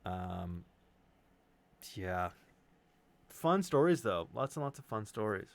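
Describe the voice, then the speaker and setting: A middle-aged man who designs sound for audio dramas hosts a casual online group livestream, chatting in a rambling, hesitant, joking way. His lowish voice is sing-song and slow, with vocal fry.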